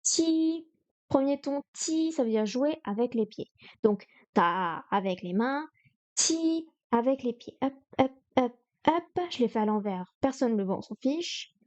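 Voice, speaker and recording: A woman's voice: on the high side, lively intonation, measured pace, a little mellow, dull audio. A woman on a live stream studying Chinese vocabulary, repeating words, counting strokes aloud and chatting to herself as she goes.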